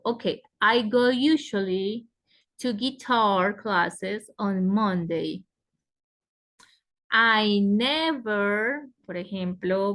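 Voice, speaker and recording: Woman teacher, unhurried lecture delivery on a video call, mid-pitched. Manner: slow, explanatory, asks "¿sí?" and "¿cierto?". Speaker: English teacher. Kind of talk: online class lecture.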